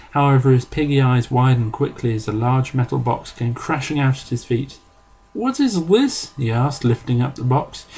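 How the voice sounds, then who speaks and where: A man reads a story aloud in a measured, dry storytelling manner, at a middle pitch. A faint hiss of noise sits underneath his voice. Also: a little mellow, poor audio. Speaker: story reader. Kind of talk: amateur storybook narration.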